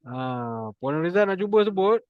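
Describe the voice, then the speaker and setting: A man with a Malaysian Malay accent teaching Quran recitation online, demonstrating sounds slowly and repeating them for students. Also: high-pitched, animated, no echo, narrow, tinny audio. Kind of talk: online class instruction.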